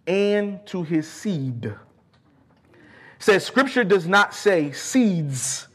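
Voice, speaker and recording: Fervent male preacher with animated, swooping delivery. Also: sits high, very slow, breathy edge. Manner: emphatic and fervent, repeating key phrases for weight. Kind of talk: sermon with scripture exposition.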